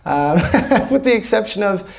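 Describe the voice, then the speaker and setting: Speaking to a small live audience, the D.C. startup founder has a high, animated, gravelly voice and a measured pace, though the audio is dull. His delivery is chatty and unpolished, full of filler words and easy profanity.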